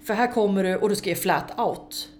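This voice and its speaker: A woman tells race-day stories in a relaxed interview, her voice lively and unfiltered as she swears freely and laughs at herself. A faint hum sits under the recording. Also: mid-range voice. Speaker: interview guest, amateur racing driver. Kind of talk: casual interview storytelling.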